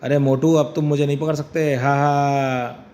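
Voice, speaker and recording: A man's voice: on the high side, flat delivery, brisk, dark tone, natural voice. A man voicing Chunchu, a cheeky, clever young male mouse in a comic story, with a playful, teasing manner.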